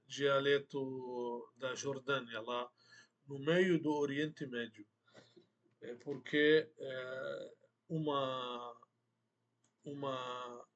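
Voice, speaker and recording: Slow, deliberate man teaching a lesson. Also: medium pitch. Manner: slow, deliberate, repeats words for emphasis. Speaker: Arabic teacher. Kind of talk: language lesson.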